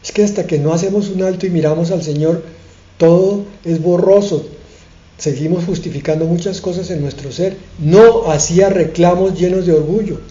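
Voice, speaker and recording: A man preaches an earnest sermon with slow, emphatic pauses. His voice sits a little high and sounds mellow. The recording is dull and rings with the echo of a room. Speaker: pastor.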